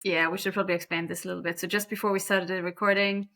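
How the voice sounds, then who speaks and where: A woman's voice: lowish voice, little pitch movement, sharp tone. A Norwegian woman with a Norwegian accent hosting a podcast in a chatty, joking way. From Norway. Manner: chatty and friendly, quick to joke. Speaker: podcast host. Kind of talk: casual podcast chat.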